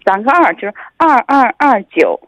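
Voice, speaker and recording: A woman speaking as an official guest over the telephone, explaining things in a somewhat halting way. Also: fairly high pitch, big pitch swings, a bit bright, dry recording. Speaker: city official, phone guest. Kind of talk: explanatory phone interview. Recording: tinny narrow phone line.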